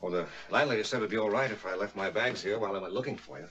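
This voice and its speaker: A male actor plays a plain-spoken rancher and concerned brother in a mid-century suspense drama. His low voice is steady and courteous, with a reasoning, straightforward delivery. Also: racing, lo-fi sound, background noise, lightly acted. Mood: concerned, matter-of-fact.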